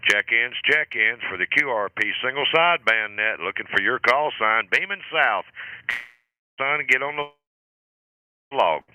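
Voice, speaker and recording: A man's voice: mid-range voice, expressive, a little slow, noisy background. A man hosting a ham radio net, chatting casually and calling out call signs with an easy chuckle. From southern United States. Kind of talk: casual on-air radio chat. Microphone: station microphone.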